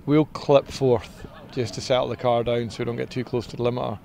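A middle-aged man, a racing driver, answering interview questions outdoors in a paddock in a relaxed, modest way. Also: medium pitch, fairly quick, gravelly, a little hiss or hum. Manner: relaxed and modest, with filler ums. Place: outdoors in a race paddock beside a team truck. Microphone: interviewer's handheld mic.

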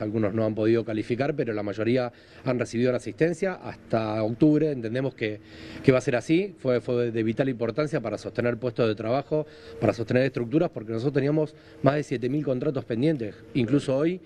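A man in his forties with an Argentine accent speaks for an event hall business in a live news interview, explaining things in a measured, formal way with a mellow, medium-pitched voice. He's on location at the event hall, talking into a handheld microphone through a face mask, with faint background noise and ambience.

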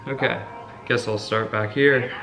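A man in his twenties chatting casually and excitably to the camera in slangy vlog style. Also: medium pitch, a little slow. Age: 20s. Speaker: food challenge vlogger. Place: home kitchen and dining room, indoors. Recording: music behind the voice.

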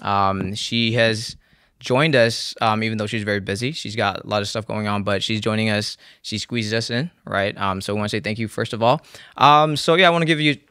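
A man's voice: fairly low pitch, pushed and bright, clean tone, no room sound, studio quality. A young man from Burma hosting a podcast, introducing his guest in a casual, filler-filled way. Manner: easygoing, fillers, quick asides. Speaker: podcast host. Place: small indoor studio set. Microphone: handheld microphone.

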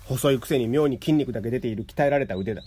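A man reading literary fiction aloud in a calm, measured way. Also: medium pitch, breathy edge. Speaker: narrator.

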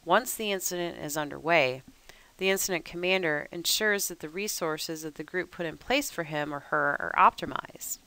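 Woman, lowish pitch, crisp clear tone, dry close voice-over, steady instructive read. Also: no room sound. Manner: measured, instructive, reads steadily. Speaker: weather service trainer. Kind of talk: scripted training narration over slides.

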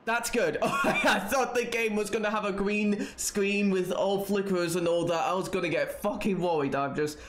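A man's voice: sits high, moderate pace, few pauses, background noise. A Scottish man in his twenties giving casual, sweary, rambling live gameplay commentary. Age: 20s. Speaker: game streamer.

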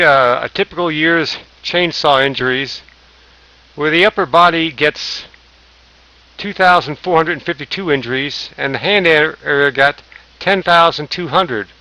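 Bright-voiced man reading safety slides. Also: fairly high pitch, no echo, poor audio. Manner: plain, reads lists with small slips and restarts. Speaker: safety instructor.

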